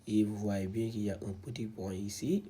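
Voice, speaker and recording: A Quran reading teacher with a lowish, husky, dark voice speaks at normal speed in a steady tone. He patiently walks through a step-by-step lesson on reading script, sounding out syllables one at a time and often saying "donc".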